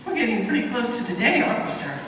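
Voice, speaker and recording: An eager apprentice angel asks questions in a high, lively voice, played by a man. He sounds far off in an echoing hall. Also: fast talker, slight background noise, full character voice. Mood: curious.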